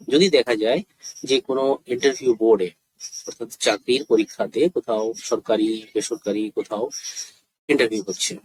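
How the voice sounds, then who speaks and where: Slow, deliberate Bengali-accented male English teacher. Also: mid-range voice, slightly rough, no room sound, poor audio. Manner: speaks English example sentences very slowly and deliberately. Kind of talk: spoken English lesson in Bengali with slow English model sentences.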